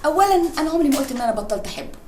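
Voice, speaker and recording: A smitten young Egyptian woman talking dreamily in a high, quick voice. The room is roomy, with a faint hiss. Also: big pitch swings. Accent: Egyptian Arabic.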